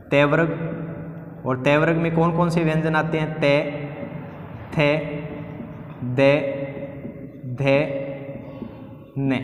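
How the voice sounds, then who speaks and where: A male teacher with a fairly high voice gives a coaching lesson, drilling letter sounds and asking the class questions he answers himself. His voice rings around a bare, echoey room with a long reverb tail. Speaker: Hindi grammar teacher.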